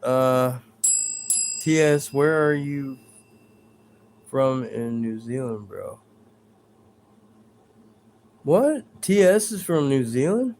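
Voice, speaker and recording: A man's voice: mid-range voice, lively intonation, drawn-out words, pauses often, darkish tone, a little hiss or hum. A man hosting a live stream at home in his bedroom, chatting in a rambling, hesitant way with viewers and the spirits he says are near. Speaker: livestream host. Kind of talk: live paranormal stream chat.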